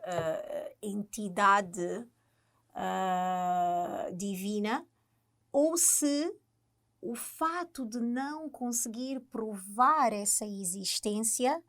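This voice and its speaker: A young woman with an Angolan Portuguese accent, co-hosting a casual chat and thinking aloud with many pauses and fillers. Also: medium pitch, a bit bright. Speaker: podcast co-host.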